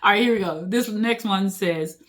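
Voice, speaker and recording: A middle-aged woman talks in a relaxed, folksy way, and her laughter keeps breaking through as she reads out jokes. Her pitch sits at a middle level for a woman. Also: moderate pace. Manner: laughs often, animated, folksy Southern-style talk. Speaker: host reading funny memes. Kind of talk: casual chat.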